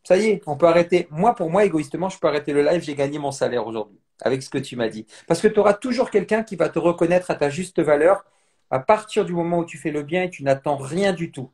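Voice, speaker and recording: A man's voice: on the high side, animated, quick pace, darkish tone. A man from France, a mindset trainer, speaking earnestly in a live online interview and repeating phrases for emphasis. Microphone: phone on mobile data.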